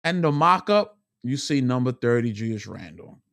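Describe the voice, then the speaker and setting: A man's voice: medium pitch, normal speed, dry recording, clean studio sound. A man giving an opinionated sports rant to camera, frustrated and repeating himself for emphasis. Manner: animated, frustrated, repetitive emphasis. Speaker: sports vlogger.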